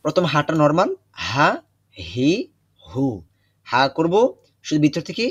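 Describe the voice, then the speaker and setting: A young man teaching an online Quran recitation class, patient and repetitive, often pausing with hesitations. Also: on the high side, sing-song, a bit bright, husky, no room sound, lo-fi sound. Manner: patient, repeats instructions, many hesitations.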